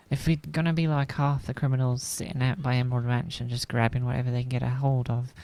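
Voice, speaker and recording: A woman's voice: very deep voice, dark tone. A woman speaking in character in a roleplay game, rambling and worried. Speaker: roleplay gamer.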